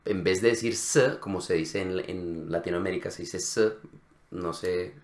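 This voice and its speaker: A man's voice: low voice, moderate pace, darkish tone, echoey room. A man co-hosting a casual Spanish lesson, explaining accents and demonstrating sounds. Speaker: Spanish teacher co-host.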